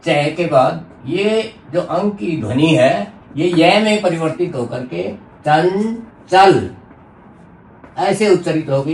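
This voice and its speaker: A man with a somewhat high voice teaches a grammar lesson at a very slow, deliberate pace. He repeats example words carefully to show how they are pronounced. He is recorded from a distance in an echoey room with faint background noise.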